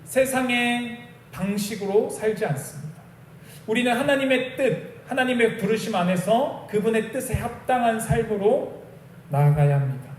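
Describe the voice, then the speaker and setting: A man's voice: very high voice, moderate pace, roomy sound, far from the mic, slight background noise. A young adult man preaching a sermon as a pastor, telling a personal story in a conversational way and acting out bits of dialogue. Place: small church sanctuary.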